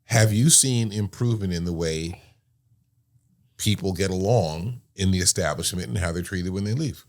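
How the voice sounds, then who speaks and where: Deep-voiced male talk show host. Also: moderate pace. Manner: jovial, asks probing questions. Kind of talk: casual talk show interview.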